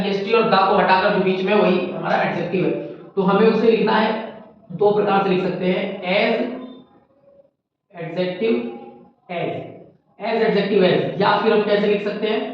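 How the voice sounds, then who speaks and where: एक पुरुष अंग्रेज़ी शिक्षक जो अपने विद्यार्थियों को "बेटा" कहकर व्याकरण पढ़ाता है और उदाहरण धीरे-धीरे बोलकर लिखवाता है।. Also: male voice, high voice, very echoey, recorded from a distance, highs cut off. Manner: addresses students as children, slow dictation of examples. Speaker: English teacher. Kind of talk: classroom grammar lesson.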